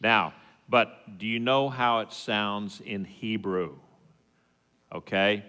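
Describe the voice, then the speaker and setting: A man with a West Texas accent and twang gives an informal teaching sermon in a folksy, halting, plain-spoken way. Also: lowish voice, sharp tone. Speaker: congregation teacher giving the sermon. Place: reverberant hall at a worship service. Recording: long reverberation of a hall.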